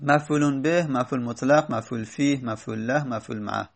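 A man's voice: medium pitch, steady tone, creaky. Man explaining grammar step by step. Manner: explains step by step, stops to correct himself. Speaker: teacher of Arabic grammar. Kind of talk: spoken classroom lesson.

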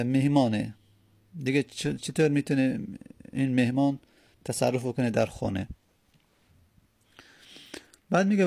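A man's voice: a little high, creaky, a little mellow, no room sound, studio quality. A man teaching an Arabic grammar lesson, explaining step by step, spelling out word forms and asking and answering his own questions.

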